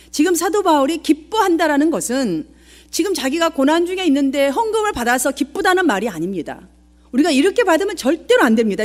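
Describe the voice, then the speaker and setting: A middle-aged woman pastor preaching a sermon earnestly, often asking the congregation questions. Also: high-pitched.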